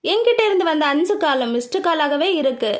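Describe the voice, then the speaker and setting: A woman's voice: high-pitched, sing-song, brisk. A woman voicing a playful young man who teases his friends in an audiobook. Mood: teasing. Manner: mocking, joking.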